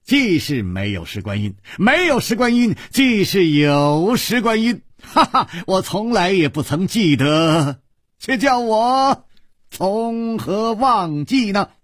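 A man's voice: low-pitched, expressive, slow, pauses often, husky, no room sound, clean studio sound, pitched below the performer's own voice, heavily acted. A man storyteller voicing a witty, carefree swordsman hero who speaks playfully in riddles. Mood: teasing, riddling. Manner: playful, riddling, laughs often.

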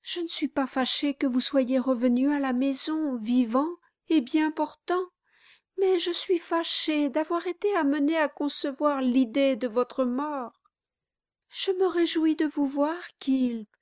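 In a storybook reading, a woman voices a meek, tearful young wife who pleads softly and submissively. She uses a full character voice pitched high above her own, very animated yet slow. The studio sound is clean, with no room sound.

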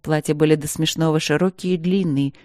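A woman reads a novel aloud in a measured, even way. Her voice sits somewhat low and mellow. The recording is close and dry. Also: no room sound. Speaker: audiobook narrator. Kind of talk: scripted narration.

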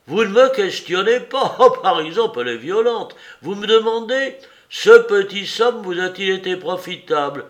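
A male reader voices a cranky, touchy older office clerk from a storybook who erupts in sputtering indignation. The voice is high and loud, swinging widely in pitch, expressive and unhurried with vocal fry.

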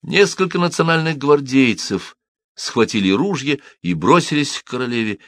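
A man narrating an audiobook in an expressive, dramatic reading style. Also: mid-range voice, moderate pace, dry recording, clean studio sound.

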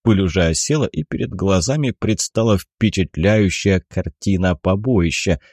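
A man reading an adventure audiobook in an even storytelling manner. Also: deep voice, moderate pace, breathy edge, dry recording. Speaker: audiobook narrator. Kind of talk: scripted narration.

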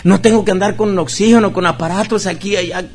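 A man with a Mexican accent preaching a sermon, swinging from loud, high outbursts to soft, low passages. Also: fairly even intonation, fast, a little hiss or hum. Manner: preaching with sudden loud rises and soft drops. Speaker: pastor.

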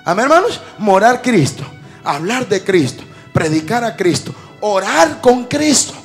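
A man preaching a sermon, moving from calm storytelling to shouted exhortation and often calling out to the brothers. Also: high-pitched, a little slow, faint music behind. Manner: calls the congregation brothers often.

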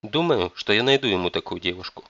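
A man's voice: lowish voice, lively intonation, fast talker, fairly bright tone, no room sound, lo-fi sound. A man voicing a stern, domineering elderly grandmother who scolds and commands. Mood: scolding.

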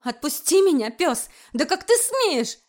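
A woman voicing a fiery young female archer who shouts back in a shrill, high voice. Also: big pitch swings, measured pace. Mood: defiant, shouting.

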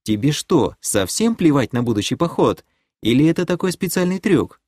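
A man voicing a haughty, scheming noblewoman who leads a clan in an audiobook; he raises his voice to play her, and she talks in a sweetly condescending way that turns sharp. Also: on the high side, very animated, normal speed, no echo, studio quality, pitched above the performer's own voice. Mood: lecturing. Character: haughty scheming female baroness, clan leader.

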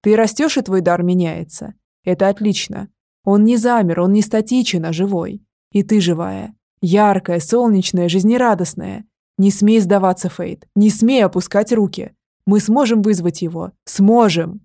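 A woman's voice: mid-range voice, normal speed, dark tone, no room sound, clean studio sound, lightly acted. A woman voicing a young male dragon who presses his point urgently and insistently. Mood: fierce.

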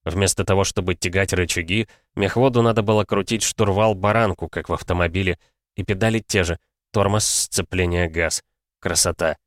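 A man narrating an audiobook in a steady, even storytelling manner. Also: deep voice, moderate pace, no echo, clean studio sound.

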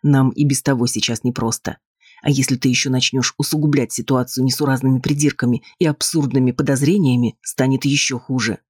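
A man's voice: mid-range voice, steady tone, a little fast, slightly rough, no echo, studio quality, close to an everyday voice. A man reading an audiobook, voicing a cold, condescending husband. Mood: dismissive. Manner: cool, patronizing, dismissive.

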